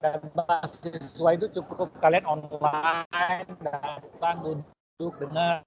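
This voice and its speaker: A man's voice: fairly high pitch, little pitch movement, slow pace, dull audio, crowd noise. A male lecturer giving an online class whose audio keeps stalling and cutting out on a video call, repeating his key points patiently. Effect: choppy, stalling video-call audio that keeps cutting out. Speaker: university lecturer.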